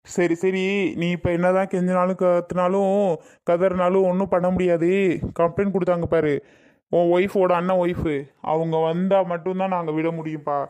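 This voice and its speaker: A man's voice: sits high, flat delivery, normal speed, darkish tone, clear, resonant tone, close to an everyday voice. A man voicing a stern but fair police officer in a cartoon, speaking firmly and matter-of-fact.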